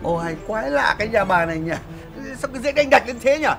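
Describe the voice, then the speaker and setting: An actor playing a hot-headed, blustering drunk village husband in a slapstick comedy film. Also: male voice, very high-pitched, lively intonation, fast talker, creaky, full character voice. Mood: grumbling. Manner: blustering, shouting threats. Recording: film scene with music underneath.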